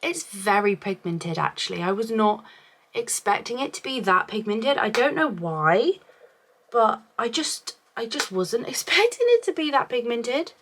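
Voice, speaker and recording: A woman's voice: on the high side, animated, a little slow, fairly bright tone, slight background noise. A woman vlogger reviewing beauty products in a casual, chatty way, thinking aloud, her voice chesty from a cough. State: chesty from a week-long cough.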